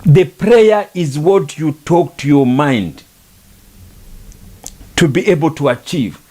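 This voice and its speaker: A man's voice: fairly high pitch, lively intonation, takes it slowly, darkish tone. A middle-aged man, speaking on a podcast in an earnest, repetitive, preaching manner about faith and culture. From Rwanda. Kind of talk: reflective monologue on faith and culture.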